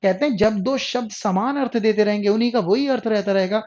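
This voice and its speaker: A male Hindi grammar teacher with a high, brisk, somewhat dark voice is teaching an online class. He poses questions to his students, answers them himself, and keeps repeating the key terms. The recording is dull and lo-fi.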